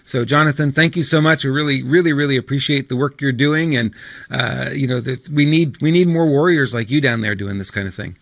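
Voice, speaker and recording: A man co-hosting a talk show, speaking earnestly and haltingly with lots of fillers. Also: mid-range voice, fairly bright tone, no echo, clean studio sound. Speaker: co-host. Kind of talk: casual talk show chat.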